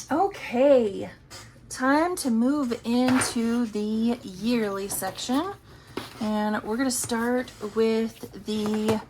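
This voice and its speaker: A woman's voice: on the high side, darkish tone, slight background noise. A woman casually talking through her savings challenges, chatty and thinking aloud as she counts. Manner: chatty, talks to herself while counting. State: has the hiccups. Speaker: budgeting vlogger.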